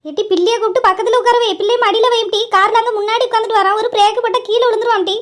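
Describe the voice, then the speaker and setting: A woman's voice: very high voice, fairly even intonation, racing. A woman voicing a bossy, fussing middle-aged mother who scolds her family. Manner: scolding, chiding. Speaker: voice artist playing a mother.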